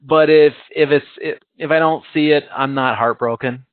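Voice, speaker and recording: A man's voice: a little high, steady tone, normal speed, dry recording. A man from the United States co-hosting a casual podcast chat, rambling and poking fun at himself, laughing often. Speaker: podcast co-host. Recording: tinny phone-like sound.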